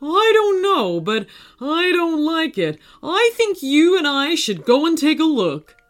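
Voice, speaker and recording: A clever, brave boy T-Rex who tinkers with magic machines, as a woman narrator puts him on. He speaks in a high, lively storybook voice with an eager tone. Soft music plays faintly behind. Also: a little slow. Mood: determined. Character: clever brave male T-Rex tech wizard.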